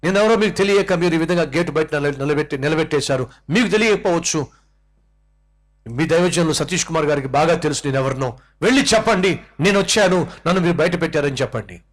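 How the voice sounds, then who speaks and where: A man voicing a rich, arrogant man who shouts indignantly at being shut out at a church gate. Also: on the high side, expressive, fast talker. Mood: angry. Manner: indignant, loud, self-important.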